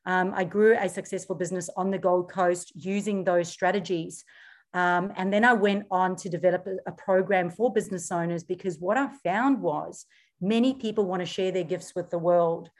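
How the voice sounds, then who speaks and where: A woman's voice: on the low side, fairly even intonation, moderate pace. A middle-aged woman from South Africa whose accent is blended with Australian, answering interview questions in an earnest, explanatory way with frequent ums. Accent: South African mixed with Australian. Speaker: podcast guest, social media coach.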